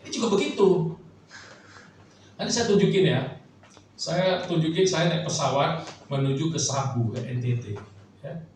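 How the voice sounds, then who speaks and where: In a church hall, a man preaches a relaxed, talkative sermon, cracking jokes and performing prayers for those gathered. His voice is fairly high and a little mellow, moving at normal speed with long pauses. The echoey recording, made from a distant mic, carries a little hiss or hum.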